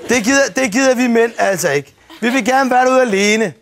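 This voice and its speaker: A man doing stand-up storytelling on stage, animated and swearing freely as he acts out scenes with shouts and sound effects. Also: very high voice. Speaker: stand-up comedian. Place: stage before a live audience. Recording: TV broadcast with audience noise. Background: audience laughter.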